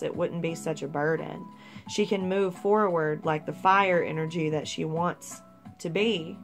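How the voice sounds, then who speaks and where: A woman's voice: sits low, creaky. A young woman giving a casual, rambling tarot reading with some swearing. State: hiccups. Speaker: tarot reader.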